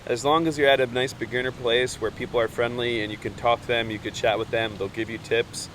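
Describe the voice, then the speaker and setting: A man's voice: mid-range voice, steady tone, a little fast, a bit bright, slight background noise, low-quality recording. Easygoing man giving surf advice. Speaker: guest surfer. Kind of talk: casual chat.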